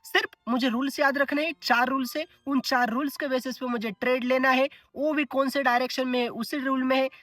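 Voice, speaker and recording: A man talks casually to his viewers about his trading. He is bright and forceful, tosses in English words and fires off rhetorical questions. His voice sits slightly back from the mic, with faint music underneath. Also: very high voice, steady tone, fairly quick, hardly any pauses, far from the mic. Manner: chatty, asks and answers his own rhetorical questions. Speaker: trading vlogger. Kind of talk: casual vlog talk to camera.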